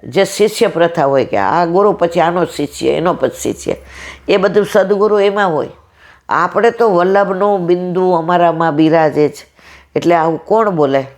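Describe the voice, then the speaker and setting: At a satsang, a sixty-something woman shares a devotional story, taking on each person's voice in turn. Her lowish, slightly mellow voice moves at a normal speed.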